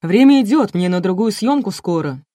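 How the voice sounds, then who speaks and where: A woman's voice: medium pitch, expressive, normal speed, warm tone, no echo, studio quality, voice pushed up, close to an everyday voice. A woman doing a grumbling impatient cameraman. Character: grumbling weary male cameraman. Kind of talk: audiobook reading.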